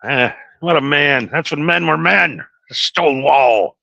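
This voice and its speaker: A middle-aged man co-hosting a casual podcast, telling stories in an animated, self-mocking, profane way from a small studio. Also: fairly high pitch, slow pace, vocal fry, no room sound, highs cut off. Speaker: podcast co-host. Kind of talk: casual stoner chat.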